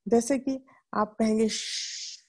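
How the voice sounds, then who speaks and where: A woman's voice: on the high side, normal speed, warm tone. A middle-aged Indian woman explaining a self-help book to her viewers in a chatty way, asking and answering her own questions.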